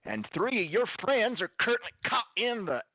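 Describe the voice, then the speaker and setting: A man's voice: high voice, sing-song, moderate pace, bright, forceful tone, no echo, lo-fi sound, voice pushed up, exaggerated voice. A man voicing a foul-mouthed, sardonic guide in a tabletop game, blunt, knowing and taunting.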